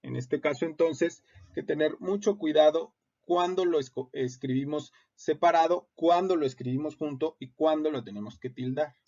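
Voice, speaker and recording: A man's voice: fairly high pitch, moderate pace, mellow. A man gives an explanatory lecture on legal writing, patient and repetitive, with frequent hesitations. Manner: patient, repeats points with many hesitations. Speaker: teacher. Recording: muffled lo-fi audio.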